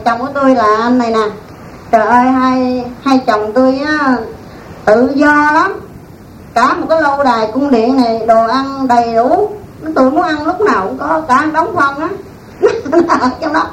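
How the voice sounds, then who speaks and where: A woman's voice: high-pitched, natural voice. A woman voicing a contented former queen in a chatty, laughing way, inside a spoken story. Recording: echoey room, distant mic, faint noise.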